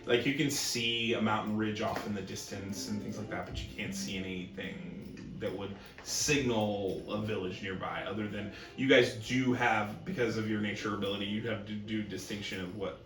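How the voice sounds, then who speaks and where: A man running a tabletop game as game master, casual and quick to laugh. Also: fairly low pitch, fairly even intonation. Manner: casual, laughing often, voices side characters. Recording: roomy, distant mic with music.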